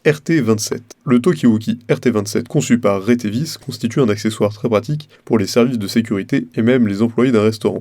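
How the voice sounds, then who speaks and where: A man's voice: lowish voice, dark tone, dry recording. A man presenting a product review as scripted narration, in a formal, read-out way.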